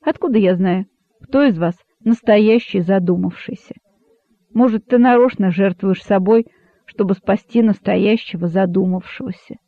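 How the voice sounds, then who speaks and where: A man's voice: sits high, normal speed, no echo. A man reading an audiobook, voicing an irritable, sulky boa constrictor with a hissing manner. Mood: wheedling. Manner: peevish, hissing. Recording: dry, narrow phone-like sound.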